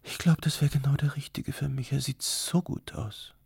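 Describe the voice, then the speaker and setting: A man's voice: mid-range voice, animated, a little slow, vocal fry, mellow, husky, dry recording, clean studio sound, pitched above the performer's own voice, exaggerated voice. A man voicing a moody, dreamy young woman who half-whispers and sighs, in a storybook reading.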